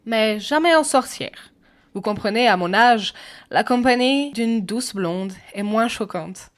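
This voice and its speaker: A woman's voice: a little high, lively intonation, unhurried, pitched above the performer's own voice. A woman voicing a prim, stern elderly lady with an English accent, speaking genteelly in a storybook.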